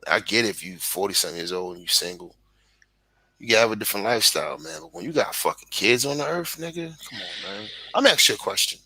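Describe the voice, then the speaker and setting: Gravelly, blunt Brooklyn man. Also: fairly low pitch, lively intonation, fast, pushed and bright, no room sound, rough recording. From Brooklyn, New York. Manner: blunt, profane, emphatic. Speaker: guest. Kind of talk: casual livestream chat. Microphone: video call.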